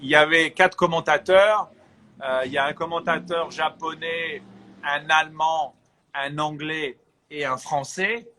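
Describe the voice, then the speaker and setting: A man from France, an actor, chatting as an interview guest and giving lively advice. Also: fairly high pitch, measured pace, a little hiss or hum. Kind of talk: casual interview chat.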